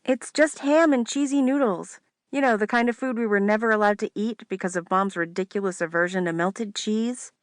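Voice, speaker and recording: A woman's voice: medium pitch, moderate pace, dry recording, clean studio sound, voice pushed up, lightly acted. A woman voicing a teasing young woman, the narrator's little sister, in a breezy, joking way. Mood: wry.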